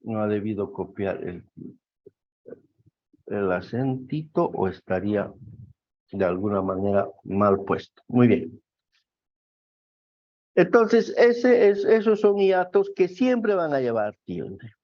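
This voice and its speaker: A man lectures a class at a slow, unhurried pace, stopping often to ask if everyone follows. The sound is dull and lo-fi. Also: on the low side, very animated. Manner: slow, explanatory, checks with frequent questions. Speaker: teacher. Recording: dull lo-fi recording.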